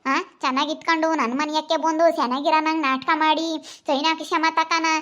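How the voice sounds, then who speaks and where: A woman's voice: sits high, fairly even intonation, a bit bright. A woman playing a boastful village woman. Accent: Kannada, Karnataka village dialect. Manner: scolding, fast and emphatic. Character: boastful village woman proud of her rich uncle. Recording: slightly dull lo-fi recording.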